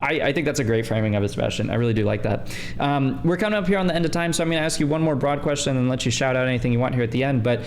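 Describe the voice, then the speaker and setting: A man's voice: mid-range voice, fairly even intonation, very fast, few pauses, slight background noise. A man hosting an interview podcast, asking questions and affirming his guest in an upbeat way. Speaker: podcast host. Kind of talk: casual conversational interview.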